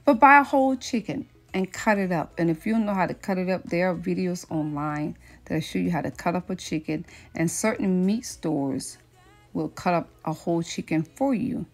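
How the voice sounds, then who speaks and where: A middle-aged lifestyle vlogger with a fairly low voice chats at a normal speed from her home kitchen, giving her viewers a casual motivational talk. She's folksy, calling them friends and y'all.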